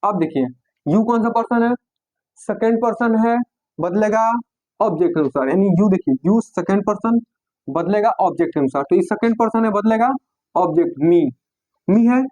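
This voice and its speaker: A man teaching English grammar in Hindi. He talks slowly, dictates example sentences word by word, and spells out letters. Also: high voice, expressive, a little mellow, no echo, lo-fi sound. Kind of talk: classroom lesson.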